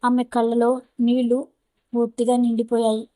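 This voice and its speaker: A woman narrating an emotional story in a steady, scripted way. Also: on the high side, moderate pace, dry recording.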